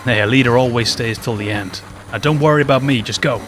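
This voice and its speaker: A man's voice: mid-range voice, quick pace, fairly bright tone, faint music behind, close to an everyday voice. A man reading a brusque, commanding male rebel leader from a video game in his own voice.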